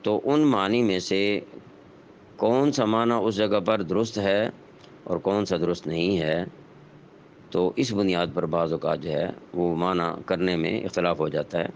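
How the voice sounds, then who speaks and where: Deep male religious teacher, measured lecture with many filler pauses, dull lo-fi recording with light hiss. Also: steady tone. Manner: measured explanatory delivery with frequent hesitation fillers. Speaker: Islamic teacher. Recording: dull lo-fi sound with faint noise.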